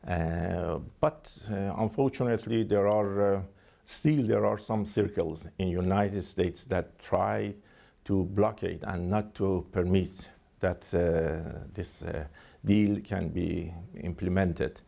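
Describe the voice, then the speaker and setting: A man with a Persian accent gives formal interview answers as a diplomat. His voice is dark and creaky, and he talks very slowly, with halting phrasing and many hesitations. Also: deep voice. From Iran.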